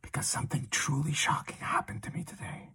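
A man's voice: a little fast, sharp tone. A man whispering while hiding under a desk, giving a mock-shaken, sarcastic satirical monologue.

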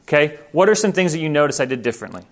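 A man's voice: on the high side, sing-song, very fast, slight background noise. A man who grew up in Thailand, giving an earnest, informal training talk to missionaries and correcting himself as he goes.

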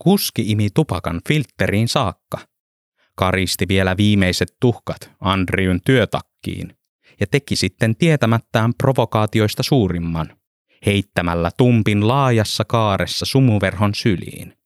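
A man narrating an audiobook story in a steady, matter-of-fact way. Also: lowish voice, no room sound, clean studio sound.

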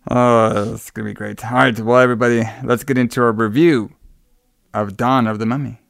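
Creaky-voiced man hosting a casual review. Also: medium pitch, fairly even intonation, a little fast, no echo, clean studio sound. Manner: loose, jokey storytelling. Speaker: podcast host. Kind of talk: casual film review chat.

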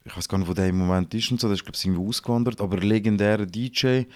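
A man's voice: on the low side, very fast. A man in his thirties with a Swiss German accent, chatting loosely as a podcast guest and laughing often. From Switzerland. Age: 30s. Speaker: guest rapper. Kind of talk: casual podcast chat.

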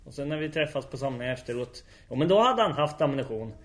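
A man casually telling hunting stories, a lively storyteller who uses lots of fillers. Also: mid-range voice. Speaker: hunt organizer telling stories.

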